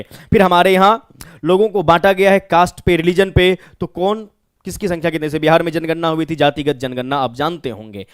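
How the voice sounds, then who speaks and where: A man's voice: a little high, dry recording, studio quality. A man with a Bihari accent teaching an exam-prep vocabulary lesson. He explains step by step, asking questions and answering them himself.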